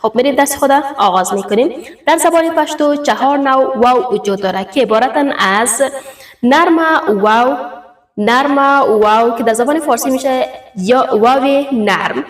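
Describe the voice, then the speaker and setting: A woman teaching a step-by-step language lesson, saying example words slowly and repeating them for drill. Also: high-pitched, distant mic. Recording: echoey, from off the mic.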